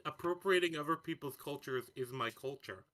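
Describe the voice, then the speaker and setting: A man from the United States co-hosting a casual livestream review, jokey and quick with asides. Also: on the high side, fairly bright tone. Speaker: co-host.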